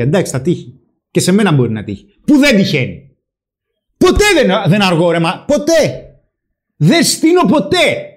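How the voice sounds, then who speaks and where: A man hosting a talk show, speaking emphatically and loudly, with frequent swearing. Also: high voice. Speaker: podcast host. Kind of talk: animated opinion talk.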